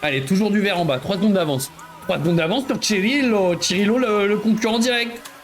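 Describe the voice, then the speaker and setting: Excitable high-voiced man streaming a game. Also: fairly quick, slight background noise. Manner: excitable, exclaiming and joking. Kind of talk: live gameplay commentary.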